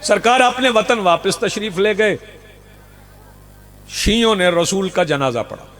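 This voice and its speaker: Pakistani male preacher, high voice, rhetorical outdoor sermon with repetition. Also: expressive, measured pace, a bit bright. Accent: Pakistani Urdu. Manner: rhetorical, repeats lines for emphasis, rouses the crowd. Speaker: Shia preacher. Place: outdoor religious gathering.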